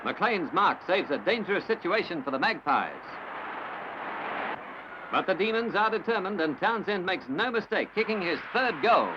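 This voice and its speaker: High-voiced man in an old newsreel. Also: expressive. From Australia. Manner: brisk, formal announcer delivery. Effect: old newsreel recording. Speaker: newsreel commentator. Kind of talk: old newsreel sports commentary. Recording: dull lo-fi old film soundtrack with hiss.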